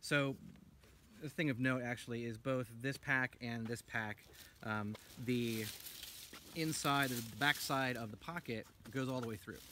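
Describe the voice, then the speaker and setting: An American man in his thirties sits outdoors in a forest, enthusiastically showing off and reviewing a pack he made himself, rambling casually with lots of ums. His medium-pitched voice is sharp-toned and measured in pace, recorded by a camera a few feet away with a little hiss or hum.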